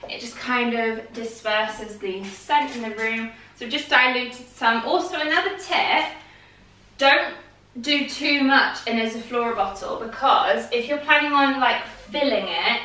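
Her voice sits on the high side, pushed and bright, and she speaks a little slowly. This young British vlogger chats happily while cleaning and decorating her living room at home, easily startled, captured from across the room by a camera mic with a roomy, distant quality.

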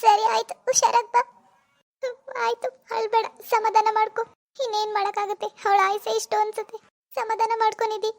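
A woman voicing a sorrowful young woman who tells of a friend's death and consoles another in an animated village drama. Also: very high-pitched, brisk. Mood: consoling. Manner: consoling, explaining.

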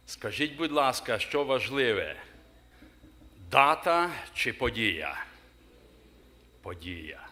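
A man's voice: medium pitch, pushed and bright. A middle-aged man preaching a sermon in a church, stopping to ask the congregation questions and leaning hard on key words. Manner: asks the congregation questions, emphatic pauses. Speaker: pastor. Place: church hall.

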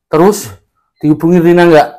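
Angry scolding man, high voice. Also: steady tone, fairly quick, dark tone. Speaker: village head candidate, father. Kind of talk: amateur village drama acting.

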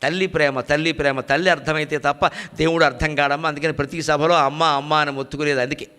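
A man giving a devotional discourse on a folk tale, with rhetorical repetitions and animated storytelling. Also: a little high, quick pace, smooth. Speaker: spiritual speaker.

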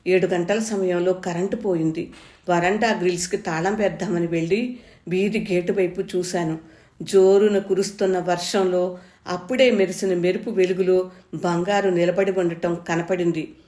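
A woman reading a story aloud, raising her voice for the characters' shouts. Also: lowish voice, fairly even intonation, moderate pace. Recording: echoey room.

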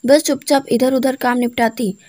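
Soft-voiced woman reading a heartfelt story. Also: high voice, steady tone, normal speed, no room sound. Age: adult, married daughter. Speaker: narrator. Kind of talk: emotional first-person story reading.

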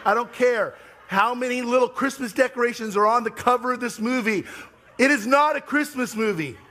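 A man in his thirties preaches from a church sanctuary, his voice pitched notably high for a man. He tells stories with lively, animated delivery, then settles into earnest sermon talk. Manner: animated storytelling, high-pitched and wailing when retelling his tears. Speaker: pastor.

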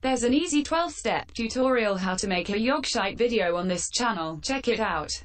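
A woman hosting a fan Q&A with sarcastic, deadpan answers, her voice run through a metallic filter. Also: a little high, normal speed. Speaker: channel host answering fan questions. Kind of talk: scripted comedic Q&A.

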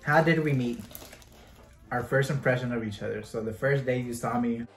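A man's voice: mid-range voice, normal speed. Casual slangy man in a roomy room. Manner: relaxed, slangy, mixes in Spanish words. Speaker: host. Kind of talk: casual mukbang chat. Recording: roomy echo.

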